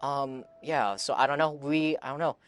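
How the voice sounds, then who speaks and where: A young male game streamer chats casually on a live stream, reacting to a game while its music plays behind him. His mid-range voice is smooth at a normal speed, and he rambles earnestly with a fan's enthusiasm, repeating his phrases.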